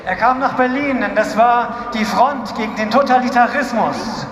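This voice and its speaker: At an outdoor rally, a man with an extremely high voice interprets a speech consecutively, phrase by phrase, at normal speed, occasionally restarting a word. The sound comes through an echoey outdoor loudspeaker with crowd noise.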